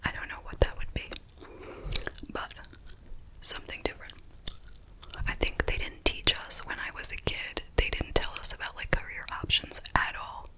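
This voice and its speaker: A woman whispers in a soft, breathy ASMR style. She chats casually and rambles like a host answering viewers, with tingly gum-chewing mouth sounds between and under her words. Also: moderate pace, long pauses, low-quality recording.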